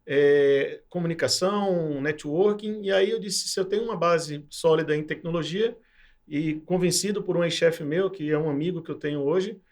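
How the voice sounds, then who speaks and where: A man from in his forties, speaking. He talks in a reflective, hesitant way, filling pauses as he recalls his path. His voice sits a little high. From Pernambuco, Brazil. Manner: reflective, hesitant with many fillers. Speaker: guest, cybersecurity sales professional. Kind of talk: casual interview talk.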